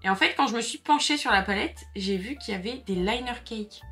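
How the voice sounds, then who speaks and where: A woman's voice: a little high, fairly quick, pushed and bright, slightly rough. A young woman chatting casually to her viewers while doing her makeup, full of fillers and asides. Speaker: makeup vlogger. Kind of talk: casual makeup tutorial chat. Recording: faint background music.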